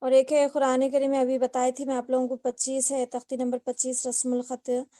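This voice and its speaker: A woman's voice: high-pitched, monotone, brisk, mellow, dry recording, clean studio sound. A woman teaching a Quran recitation class over a video call, explaining step by step and often asking the class questions. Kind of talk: online class lesson. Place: online class.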